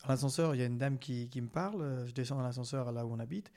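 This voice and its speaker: A young man from France talks fast as a podcast guest. He keeps stopping to restart his sentences and fills the gaps with small hesitations. His tone stays casual and conversational. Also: mid-range voice, warm tone.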